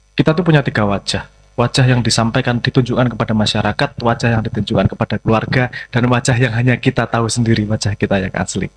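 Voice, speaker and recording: A man speaking as the invited speaker at a discussion session, relaxed and reflective, slipping in English phrases. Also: mid-range voice, a little hiss or hum.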